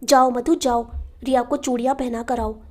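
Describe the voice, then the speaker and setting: A woman narrator voicing a gentle husband who argues earnestly against harsh custom. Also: fairly high pitch, steady tone, moderate pace, natural voice. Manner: earnest, persuasive, rising emphasis. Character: gentle, reasoning middle-aged husband.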